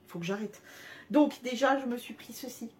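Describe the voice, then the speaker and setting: A woman's voice: on the high side, a little fast, a little mellow. A young woman chatting casually through a shopping haul, gushing over cute items with many fillers and restarts. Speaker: haul vlogger. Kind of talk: casual haul video chat.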